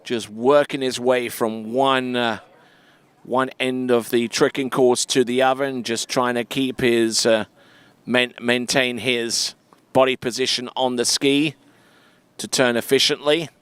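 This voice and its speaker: A man giving live water ski commentary in a measured way, with frequent fillers. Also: medium pitch, steady tone, a bit bright, smooth, no echo.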